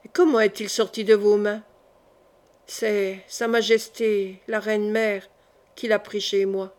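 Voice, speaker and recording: A woman reading a classic novel aloud as an audiobook, voicing every part in the same steady narrating voice. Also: mid-range voice, slow pace. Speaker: audiobook reader.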